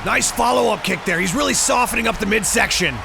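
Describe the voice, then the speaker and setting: Male boxing colour commentator, quick and gravelly, emphatic analysis over music. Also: high voice, background noise. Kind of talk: sports commentary in the manner of a boxing broadcast. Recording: music behind the voice.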